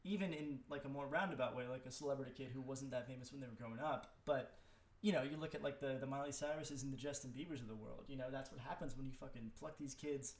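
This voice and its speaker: A man in casual podcast chat, telling stories animatedly and swearing often. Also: medium pitch. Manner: animated storyteller, swears, does quick impressions. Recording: roomy echo.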